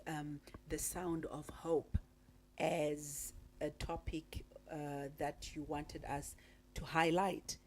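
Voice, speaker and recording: Slow, halting woman talk show host. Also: deep voice, a little mellow, slight background noise. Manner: slow, halting, with many uh fillers. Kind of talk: radio talk show interview.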